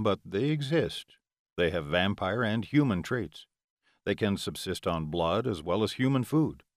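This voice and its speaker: A calm, affectionate male vampire, voiced by a male narrator, speaking low and reassuringly. His voice sits deep and is recorded close and dry. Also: no room sound.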